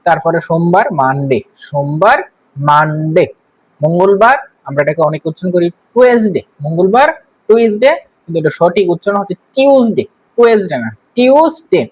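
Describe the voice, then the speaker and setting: A man giving a spoken vocabulary lesson, repeating each word slowly for practice. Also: high voice, animated, husky, low-quality recording. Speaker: English teacher.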